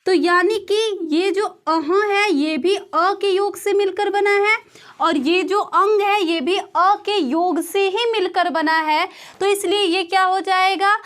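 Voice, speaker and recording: Woman teacher, very high voice, question-and-answer explaining style for a grammar lesson. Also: slow pace, fairly bright tone. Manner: explains step by step, asks and answers her own questions.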